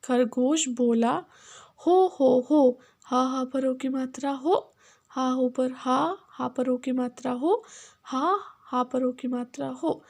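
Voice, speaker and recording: A woman teacher giving a children's phonics lesson, sounding out syllables slowly and repeating each word, switching between Hindi and simple English. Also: high voice.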